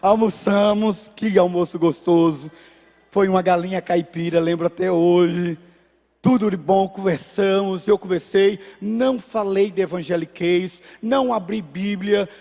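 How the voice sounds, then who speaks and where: A man preaching in a church, speaking with a Brazilian Portuguese accent. His voice sits high for a man, and he acts out the people in his story with lively shifts. The sound has a long reverb from the sanctuary. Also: creaky. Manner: animated, acts out voices in anecdotes. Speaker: pastor. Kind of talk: sermon with storytelling.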